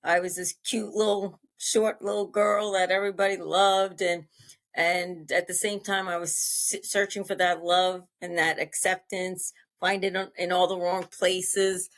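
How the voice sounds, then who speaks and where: An older woman from Long Island, New York, speaks in a slightly low voice. She tells personal stories casually, haltingly, rambling and doubling back on her phrases. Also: flat delivery. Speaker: podcast guest.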